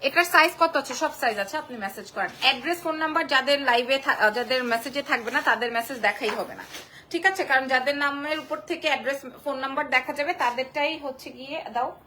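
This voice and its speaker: Bright high-voiced woman selling on a live stream. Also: a little hiss or hum. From Bangladesh. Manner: rapid sales patter, repeats prices and sizes. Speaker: online clothing shop seller. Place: small clothing shop indoors.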